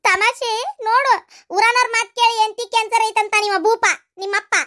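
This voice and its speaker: Cartoon: actor playing a scheming, boastful mother-in-law; very high, shrill, North Karnataka accent, scolding. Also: steady tone, fairly quick. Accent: North Karnataka Kannada. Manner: scolding, sharp-tongued, boastful. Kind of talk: comic cartoon voice acting.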